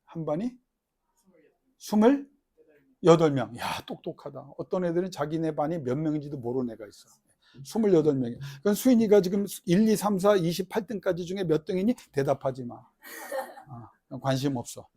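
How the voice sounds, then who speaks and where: A middle-aged man preaching a sermon as pastor, swinging between loud, crying-out prayer and soft, low asides, and putting questions to the congregation. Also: lively intonation, moderate pace, breathy edge. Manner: questions the congregation and has them repeat lines.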